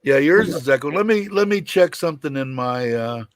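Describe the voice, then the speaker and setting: A man with a deep, rumbling voice hosting a casual livestream, rambling and hesitant as he chats. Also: animated, moderate pace. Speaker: host of a livestream show.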